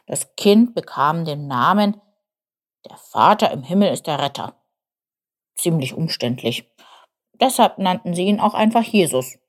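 Woman playing a slow, grumbling, forgetful old buffalo for a storybook, lowish voice. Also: animated. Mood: grumbly.

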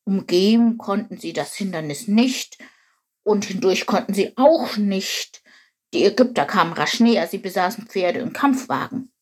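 A woman reading a children's story aloud in a clear, steady storytelling voice. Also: mid-range voice, normal speed. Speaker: storybook narrator.

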